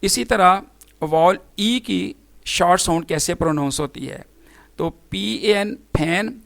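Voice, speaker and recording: A man teaching an English phonics lesson to students, spelling words out letter by letter and then pronouncing them slowly and formally. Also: high voice, creaky, a bit bright, dry recording. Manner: formal, addresses students directly.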